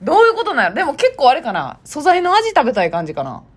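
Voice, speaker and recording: Kansai woman co-host, quick and animated, slightly high voice, casual podcast chat. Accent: Kansai Japanese. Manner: animated, quick, reads out listener gifts and mail.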